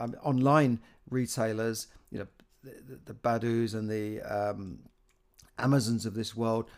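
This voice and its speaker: A man's voice: medium pitch, darkish tone. A British man talking casually about current economic news, stumbling through frequent restarts and repeated words. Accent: British English. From Britain.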